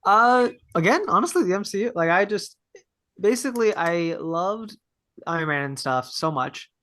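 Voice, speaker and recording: A man's voice: high-pitched, expressive, moderate pace, a bit bright, no echo. A man in his early twenties from Texas, answering a podcast interview in a thoughtful, earnest way with a few fillers. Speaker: podcast guest. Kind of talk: casual interview chat.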